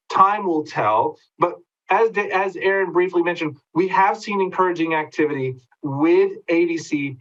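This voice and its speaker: A man speaking as an expert panelist in a measured way, thinking his points through aloud. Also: a little high, a bit bright. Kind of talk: panel discussion. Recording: dull lo-fi audio.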